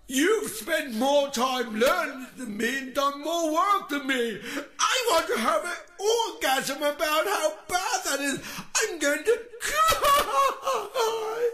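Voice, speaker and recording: A man voicing a whiny, jealous male amateur musician who wails and sobs in self-pity. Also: full character voice. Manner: wailing, sobbing, shouting in a high whine. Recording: roomy echo.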